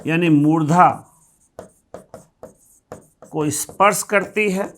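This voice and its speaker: A man's voice: fairly high pitch, extremely slow, a bit bright, soft background music. A male Hindi grammar teacher giving a classroom lecture, explaining step by step, asking questions and answering them himself, and repeating key terms.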